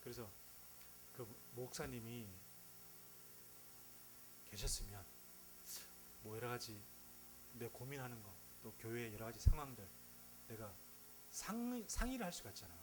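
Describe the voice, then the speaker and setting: Lively-voiced male pastor preaching. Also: medium pitch, a little slow, pauses often, noisy background. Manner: conversational and humorous, with rhetorical questions and laughs. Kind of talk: sermon.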